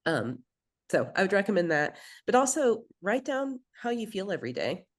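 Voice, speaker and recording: A woman's voice: mid-range voice, big pitch swings, moderate pace. A woman who grew up in Belgium, coaching a group through a nutrition program in a conversational way, with many fillers and questions to the group. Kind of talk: instructional group session.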